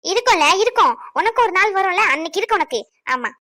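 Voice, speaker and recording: A woman's voice: extremely high pitch, big pitch swings, fast talker, sharp tone, no echo, studio quality, heavily acted. A woman voicing a mischievous young married woman in a cartoon who needles and pleads whiny. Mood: indignant. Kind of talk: cartoon voice acting.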